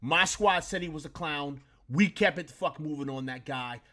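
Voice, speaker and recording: A man in his late thirties hosts a live sports talk stream, ranting, boasting and swearing freely in casual chat. His voice is fairly high-pitched and sharp in tone, delivered at normal speed.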